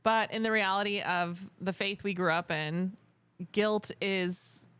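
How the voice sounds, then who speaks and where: A woman's voice: mid-range voice, fairly even intonation, a little slow, a bit bright, smooth, dry recording. A young adult woman co-hosting a podcast in casual chat, wry and steering the topics with questions. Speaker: podcast co-host.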